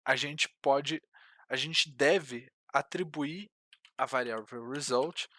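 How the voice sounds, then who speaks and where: A man's voice: mid-range voice, takes it slowly, bright, forceful tone, dry recording. A young man from Brazil teaching programming over a screen recording, hesitant with many fillers and restarts. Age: young adult. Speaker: programming tutor. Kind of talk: screen-recorded coding tutorial.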